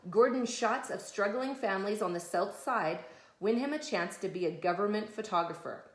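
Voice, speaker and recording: A woman with a medium-pitched voice reads a picture book aloud to children in a mother's role. She explains things patiently in simple, conversational words, and the room is echoey.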